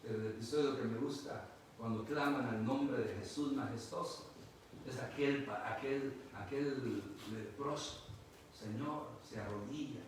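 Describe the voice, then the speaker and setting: A man preaching a sermon. He swings from loud pleading calls to soft, hushed lines. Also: mid-range voice, unhurried. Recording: echoey room, mic at a distance, noisy.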